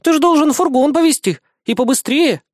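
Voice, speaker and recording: A man's voice: very high-pitched, expressive, brisk, dry recording, voice pushed up. A man voicing a bratty young elf girl who whines and pleads, dry close sound. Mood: whining. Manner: whiny and pleading.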